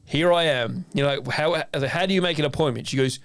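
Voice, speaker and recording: A man's voice: fairly high pitch, brisk, clear, resonant tone, dry recording. An Australian man, a chef and podcast co-host, chatting casually and animatedly acting out both sides of a conversation, with frequent swearing. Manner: swears freely. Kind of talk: casual chat.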